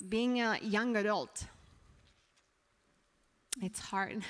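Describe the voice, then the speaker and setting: A woman from Afghanistan, a guest speaker, telling her story in a halting, earnest way with many fillers. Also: medium pitch, steady tone. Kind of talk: sharing a personal story on stage. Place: church hall. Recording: long hall reverb.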